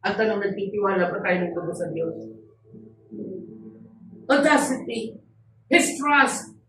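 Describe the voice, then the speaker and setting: A woman's voice: mid-range voice, expressive, measured pace, a bit bright, distant mic, a little hiss or hum. A woman preacher giving a sermon to her congregation. She asks rhetorical questions and stresses key words. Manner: code-switching, rhetorical questions, emphatic. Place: church hall. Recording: roomy hall, off-mic, faint ambience.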